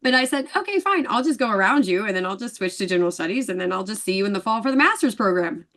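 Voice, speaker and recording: A woman's voice: medium pitch, rapid-fire. A woman as an interview guest, telling a story in casual chat and acting out the other people's lines. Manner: animated storyteller acting out dialogue.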